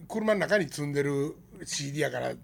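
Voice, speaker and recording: A man with a Kansai Japanese accent tells a casual personal story in a gravelly, creaky voice. His pitch swings widely and he throws in lots of vivid sound-effect words. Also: quick pace. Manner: animated, uses many sound-effect words. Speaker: radio show host.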